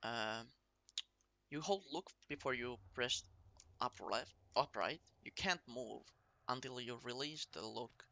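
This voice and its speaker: Slow-paced, bright-voiced male speedrunner explaining moves. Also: medium pitch, gravelly, no room sound. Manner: instructional, short step-by-step phrases with pauses. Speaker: speedrunner explaining a game route to viewers. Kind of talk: casual speedrun tutorial commentary.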